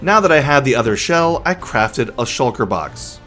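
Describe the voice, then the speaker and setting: A man at an ordinary mid pitch, chatting his way through a game run in a relaxed, offhand manner. He often drops to a hushed, near-whispered voice while sneaking. Faint background music plays under the voice. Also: normal speed. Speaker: gaming YouTuber. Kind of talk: casual gameplay commentary and narration.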